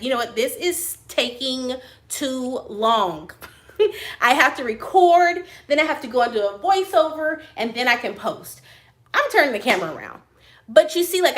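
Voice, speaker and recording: Taking questions from her live stream audience, the print shop owner sits in her office, boisterous and lively with frequent laughter. She says her high voice sounds like a cartoon mouse.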